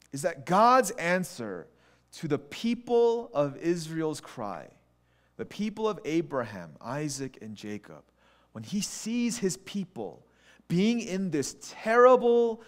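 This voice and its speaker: A man preaching a sermon in a conversational, animated way, with quick restarts and acted asides. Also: high voice. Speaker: pastor.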